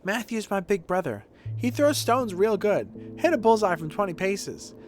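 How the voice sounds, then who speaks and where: A man's voice: high voice, lively intonation, normal speed, a little hiss or hum, voice pushed up. A man voicing an earnest, plain-spoken young street child from a video game. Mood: proud, defiant. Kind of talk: read-out video game dialogue.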